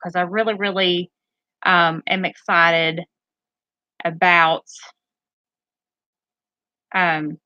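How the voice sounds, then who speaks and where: A woman's voice: lowish voice, fairly even intonation, very slow, long pauses, pushed and bright, smooth, dry recording, dull audio. A woman chatting casually to her live-stream audience from her bedroom, a little nervous and rambling, often losing her train of thought. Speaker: tarot reader and streamer. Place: bedroom at home, pets nearby.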